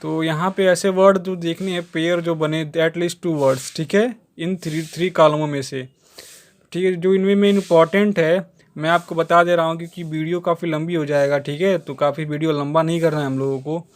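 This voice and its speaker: A man, teaching a school exercise. He reads the lines slowly, then explains them in Hindi, often adding a checking filler. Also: a little high, fairly even intonation. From India. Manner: keeps adding a checking "theek hai" as a filler.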